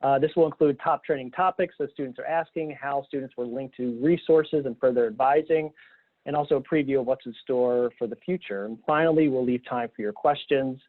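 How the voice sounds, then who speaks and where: A man's voice: mid-range voice, brisk. Man hosting a webinar over a tinny line. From Philadelphia, Pennsylvania. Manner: relaxed, upbeat, laughs easily. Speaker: webinar host. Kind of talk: hosting a video-call webinar. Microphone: video call. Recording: tinny phone-like call audio.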